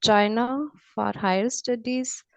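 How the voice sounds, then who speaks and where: Female English learner, Punjabi accent. Slow, hesitant, gravelly fry, conversational online class. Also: on the high side, fairly even intonation, dry recording. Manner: halting, frequent pauses. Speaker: adult English student. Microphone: online call.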